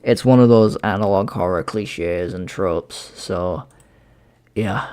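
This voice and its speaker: A man's voice: low-pitched, slow, a little mellow. A young man hosting a livestream from home, chatting casually as he reacts, swearing and laughing easily. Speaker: livestream host. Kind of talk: casual live commentary.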